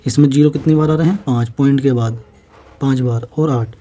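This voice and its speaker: A man with a medium-pitched, dark, steady voice teaches a maths exam-prep session. He explains slowly and repeats steps, posing questions and then answering them himself.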